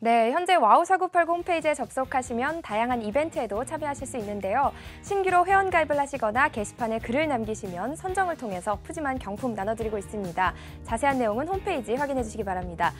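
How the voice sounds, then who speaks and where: High-voiced female caster announcing winners. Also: animated, fast, hardly any pauses, faint music behind. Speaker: broadcast caster. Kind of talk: scripted announcement.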